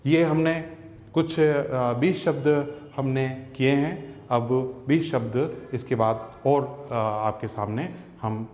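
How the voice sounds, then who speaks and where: A man teaching English pronunciation, speaking slowly and deliberately and repeating words syllable by syllable. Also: mid-range voice, darkish tone. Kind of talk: phonetics lesson. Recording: echoey room with long reverb.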